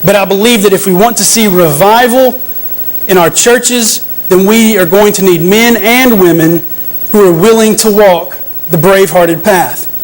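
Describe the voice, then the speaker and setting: A man's voice: sits high, a little slow, low-quality recording. A man preaching a sermon to a congregation, earnest, often restarting and repeating phrases, sometimes asking the listeners questions.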